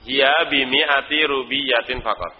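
A man's voice: medium pitch, steady tone, slow pace, a little hiss or hum. A man with an Indonesian accent teaching an Arabic language class, quizzing students by name and chuckling now and then. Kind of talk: live online Arabic class. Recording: dull lo-fi recording.

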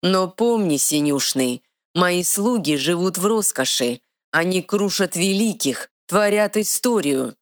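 A woman voicing an arrogant male dark sorcerer who speaks slowly with hissing menace, recorded dry. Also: on the low side, expressive, no echo, voice pushed up. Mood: menacing. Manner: slow, drawn-out, hissing threats.

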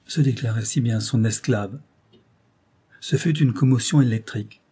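A man narrating a romantic novel in a measured, lyrical storytelling manner. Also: medium pitch, dark tone, husky. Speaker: audiobook narrator. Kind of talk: literary audiobook narration.

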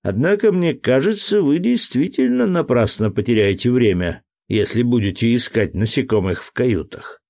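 A man reading aloud, voicing a calm ship's captain who speaks in a slow, measured and gently mocking way. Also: mid-range voice, vocal fry, pitched above the performer's own voice. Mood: dry, measured. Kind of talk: audiobook character voice.

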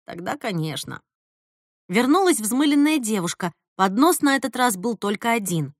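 A woman narrating an audiobook with lively storytelling. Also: a little high, normal speed, no echo, clean studio sound.

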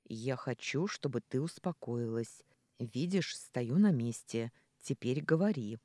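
An audiobook reader voicing Jella, a male non-human Yass who speaks slowly and firmly with a quiet threat, in a dry, mellow recording. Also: mid-range voice, expressive, dry recording. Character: male Yass, a non-human being, stern then gentle.

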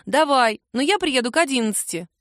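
Female narrator doing a cranky, half-asleep young woman, pitched up and huffy. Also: lively intonation, fairly quick, fairly bright tone, dry recording, clean studio sound. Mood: grudging. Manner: indignant, exaggerated exclamations. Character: sleepy grumpy young woman, sharp-tongued friend.

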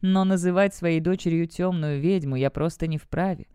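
A woman's voice: on the low side, normal speed, mellow, smooth, dry recording, studio quality, lightly acted. Woman reading a stern noble father. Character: stern noble father, a high-ranking guard, gruff. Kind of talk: audiobook character voice.

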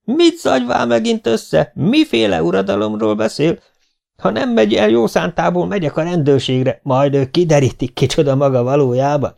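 A man voicing an indignant, sharp-tongued middle-aged mother who scolds loudly in a raised, shrill voice. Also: hardly any pauses, natural voice. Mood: scolding. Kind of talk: audiobook character voice.

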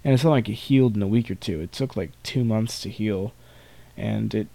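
A man's voice: fairly low pitch, fairly quick, vocal fry, dark tone. A young man hosting a podcast alone, telling rambling, self-mocking stories about school and laughing now and then. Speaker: podcast host. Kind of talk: casual solo storytelling.

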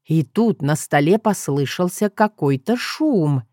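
A woman narrating an audiobook in a playful, expressive storytelling manner. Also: deep voice, measured pace, no echo, studio quality. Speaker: audiobook reader.

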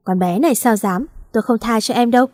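A woman's voice: fairly high pitch, fast talker, a little mellow, lightly acted. A woman voicing a young male teacher who needles and teases his student, with a cocky manner in an audio story. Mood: teasing.

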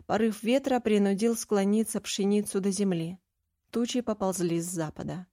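A woman's voice: mid-range voice, moderate pace, mellow, no room sound, clean studio sound. A woman narrating a first-person audiobook in an earnest, emotive storytelling manner.

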